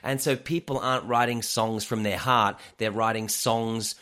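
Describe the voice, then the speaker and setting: A man in a casual podcast chat, telling stories in an animated, slangy way and laughing often. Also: on the low side, normal speed.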